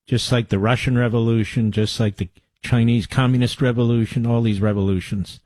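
A man's voice: medium pitch, fairly even intonation, brisk, a little mellow, dry recording. A man hosting a call-in radio show, blunt and emphatic as he takes callers. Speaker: radio talk show host. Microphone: studio microphone.

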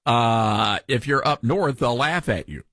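Husky, animated Southern talk radio host, male. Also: mid-range voice, unhurried, no room sound, studio quality. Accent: mellowed Southern American. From Southern US, Tennessee. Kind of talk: conversational talk radio commentary.

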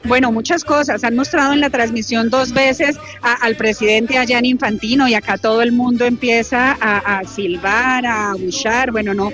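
A woman reporting live from an outdoor fan festival plaza, lively and upbeat, interviewing a fan. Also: fairly high pitch, normal speed, hardly any pauses, faint music behind. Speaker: field reporter.

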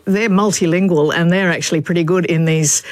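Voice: medium pitch, fairly even intonation, brisk, no echo. A language expert on radio, explaining the history of words patiently and in a scholarly way.

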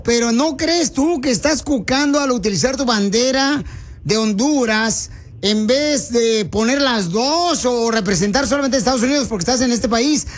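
A man hosting a call-in radio show, brash and teasing, trading insults with a caller. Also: extremely high pitch. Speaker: radio host.

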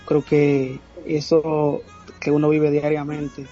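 Dominican male guest, halting speech, higher register, dull lo-fi recording. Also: monotone, mellow, faint music behind. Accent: Dominican Spanish. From Dominican Republic. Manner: halting, many filler sounds. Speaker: guest singer. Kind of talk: casual interview.

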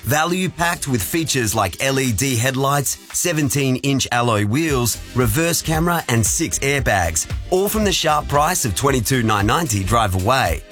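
A man's voice: mid-range voice, expressive, moderate pace, few pauses, a bit bright, soft background music. A man reading a scripted retail advertisement as an announcer. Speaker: commercial announcer.

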